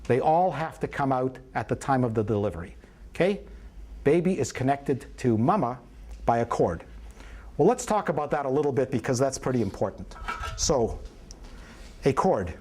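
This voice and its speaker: A man's voice: medium pitch, very animated, normal speed, long pauses, darkish tone, a little hiss or hum. A man teaching a prenatal class as an obstetrician, in a playful, folksy storytelling manner with questions to the room. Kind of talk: live classroom lecture.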